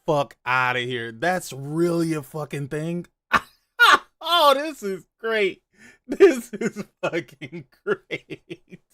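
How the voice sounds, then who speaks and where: A man's voice: fairly high pitch, expressive, very slow, a bit bright. A man hosting a podcast, reacting to clips with a profane, mocking, laughing rant. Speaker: podcast host. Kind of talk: reaction commentary.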